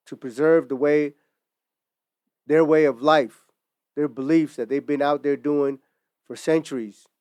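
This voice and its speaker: A man from Utah who founded a merch brand speaks earnestly to camera indoors, in front of a merchandise display. He tells stories reflectively, peppering them with casual street slang. His voice is fairly high, clear and resonant, with no room sound.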